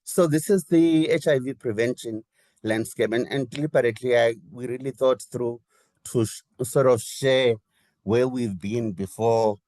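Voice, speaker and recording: A man giving a webinar presentation as a health program advisor, his voice groggy from a coming flu, measured and listing points with small restarts. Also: medium pitch, a little mellow, no echo. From Zimbabwe.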